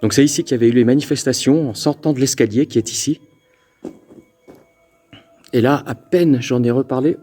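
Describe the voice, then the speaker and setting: A man alone in an abandoned mountain fort, investigating the paranormal and calling out to spirits, often stammering with excitement. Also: medium pitch, fairly quick, pauses often, faint music behind. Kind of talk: ghost-hunting vlog narration.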